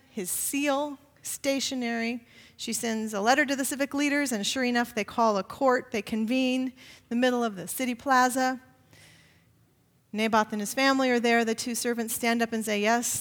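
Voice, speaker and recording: A woman pastor preaching a sermon, retelling a scripture story with animated emphasis. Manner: expressive storytelling, rising pitch for emphasis. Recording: long reverb of a large hall.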